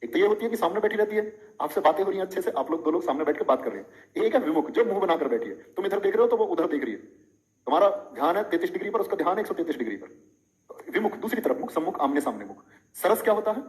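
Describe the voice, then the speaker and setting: A middle-aged man leads a live online lesson, talking to his students in a chatty, teasing way. He keeps tossing out questions and playful examples. His voice sits slightly higher than most men's. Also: big pitch swings, quick pace, rough recording. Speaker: teacher.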